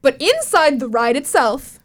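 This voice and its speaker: Young female co-host, excitable, gasps and exclaims, slightly high pitch. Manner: excitable, quick to gasp and exclaim. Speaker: podcast co-host. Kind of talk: casual chat.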